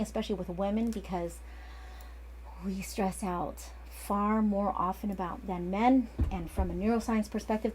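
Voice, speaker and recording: A woman's voice: medium pitch, darkish tone, a little hiss or hum. A woman in her forties, an acupuncturist, giving a casual, chatty lesson that often wanders off and restarts. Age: 40s. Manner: chatty and digressive, with frequent restarts. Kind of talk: casual instructional talk.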